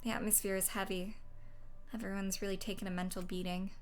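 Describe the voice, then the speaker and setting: A young woman streaming a game, reading its text aloud in a soft, low-key way with quiet asides. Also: little pitch movement, fairly quick, a little hiss or hum. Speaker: gaming streamer.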